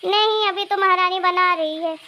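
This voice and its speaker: A sharp-tongued, scornful grandmother from a cartoon, voiced by a woman, talking in a very high, piercing voice. She nags and belittles everyone around her, and every line carries open contempt. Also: steady tone, normal speed, dull audio. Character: scolding grandmother who favors her grandson. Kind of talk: animated cartoon voice acting.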